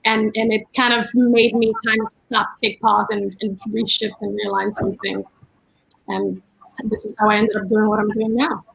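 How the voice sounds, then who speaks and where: A woman's voice: mid-range voice, normal speed, vocal fry, slightly rough, poor audio. A middle-aged woman from the Dominican Republic, raised in New York, chatting as a guest about her art career with lots of fillers. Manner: chatty, animated storytelling with fillers. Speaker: guest, art dealer and curator. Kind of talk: casual chat.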